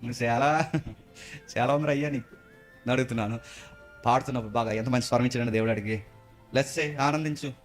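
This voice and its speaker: A man preaching a sermon to his congregation, firing off questions and hammering home repeated warnings. His voice jumps sharply high and loud on key points, then drops back low and quiet, while faint music plays softly behind him. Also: a little fast, pauses often. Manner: rhetorical questions, repeating warnings, rising to high emphatic peaks. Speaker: pastor.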